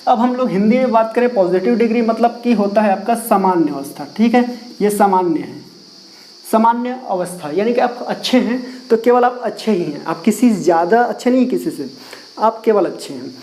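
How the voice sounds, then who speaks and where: In a rough recording, a man with a high, mellow voice teaches English grammar to a class at a moderate pace, explaining in Hindi. He asks questions and repeats key words, writing and erasing on a board as he goes.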